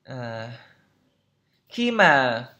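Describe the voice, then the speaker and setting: A man's voice: medium pitch, big pitch swings, extremely slow, pushed and bright. A man teaching English pronunciation, repeating each word several times and then patiently explaining how to say it. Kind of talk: pronunciation lesson.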